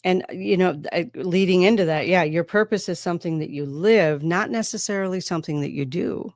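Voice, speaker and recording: Woman hosting a spiritual podcast, low voice, thoughtful and unhurried, dry close sound. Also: no room sound. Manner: reflective, unhurried, with soft pauses. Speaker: podcast host. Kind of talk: casual spiritual talk.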